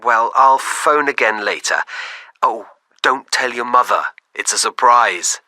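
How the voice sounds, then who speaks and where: A man's voice: mid-range voice, unhurried, pushed and bright, dry recording. An actor playing a middle-aged father who leaves a plain, fatherly voicemail and grumbles mildly about the answering machine. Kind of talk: leaving a voicemail message.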